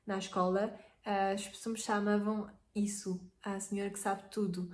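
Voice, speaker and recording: A woman's voice: mid-range voice, little pitch movement, normal speed. A woman giving casual relationship advice, hesitant and often searching for words. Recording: echoey room.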